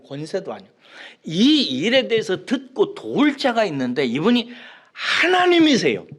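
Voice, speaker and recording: A man preaching a sermon as pastor, asking the congregation questions and swinging from loud cries down to near whispers. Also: on the high side. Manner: asks the congregation questions and acts out a child's cries.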